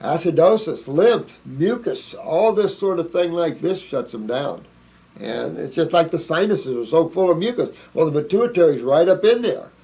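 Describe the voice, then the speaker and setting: A man answering viewer questions in a loose, rambling monologue, folksy and preachy. His voice is gravelly and dark, pitched a little above most men's. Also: lively intonation, normal speed.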